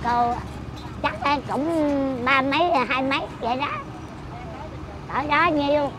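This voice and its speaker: Woman in her 80s, high voice, blunt and teasing, noisy outdoor street. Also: fairly even intonation, slow. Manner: blunt, teasing, scolds playfully. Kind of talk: casual chat.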